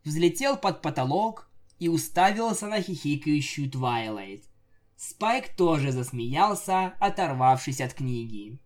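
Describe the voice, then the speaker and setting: A man narrating a comic fan fiction story with lively, jokey asides. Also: fairly high pitch, a little slow. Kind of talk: comic audiobook reading.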